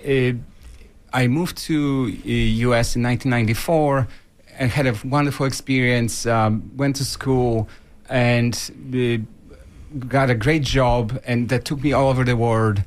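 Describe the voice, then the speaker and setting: A man from Poland, a radio guest answering politely and with measured hesitation. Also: mid-range voice, fairly even intonation. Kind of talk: interview answers.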